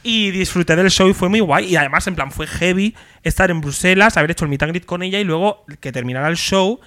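A young man, animatedly telling a story on a casual podcast chat. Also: quick pace. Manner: animated, acts out quotes with big jumps in pitch. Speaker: podcast co-host.

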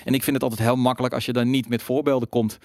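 A man co-hosting a relaxed talk show, talking fast and animated. His voice is dry and close, with no room around it. He sits at a middle pitch. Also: no echo. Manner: quick, animated, chatty. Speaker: podcast host. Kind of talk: casual chat.

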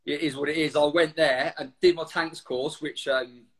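Speaking at normal speed, the Essex ex-serviceman in his forties has a voice on the high side, a bit bright, with fairly even intonation. As an interview guest he chats informally, spinning anecdotes in blokey slang and a local accent.

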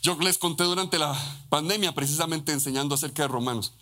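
A Costa Rican pastor preaching a sermon in a fervent way, often restarting and adding tag questions. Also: male voice, on the high side, fast talker, bright, forceful tone. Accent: Costa Rican Spanish. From Costa Rica.

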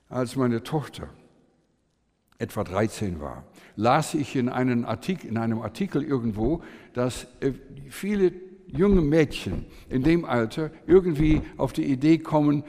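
An older man giving a sermon, telling stories with lively swings in pitch and loudness, often hesitating with fillers and restarts. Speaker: preacher. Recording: long hall reverb.

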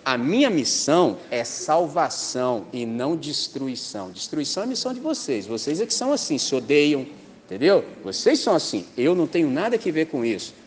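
A man with a Brazilian accent preaching a sermon in a lively, slangy way, full of rhetorical questions. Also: a little high, a little fast, big-room sound. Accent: Brazilian Portuguese.

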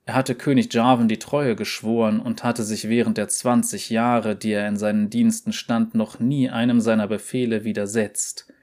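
Male narrator, audiobook, calm and even, lower voice. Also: normal speed, hardly any pauses.

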